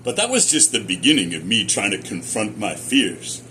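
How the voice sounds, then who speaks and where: American man, animated and emphatic storyteller. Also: on the low side, slight background noise. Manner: deliberate, emphatic storytelling with short repeated phrases. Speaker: speaker sharing personal experience, former academic researcher. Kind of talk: personal testimonial monologue.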